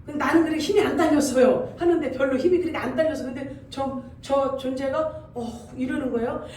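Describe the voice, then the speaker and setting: A woman pastor delivers a sermon in a high, mellow voice, animated and full of acted-out sound effects. She swells into loud exhortation as she drives her points home. The recording is echoey and distant, as if captured from the back of a church hall, with faint room noise. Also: brisk. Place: church sanctuary.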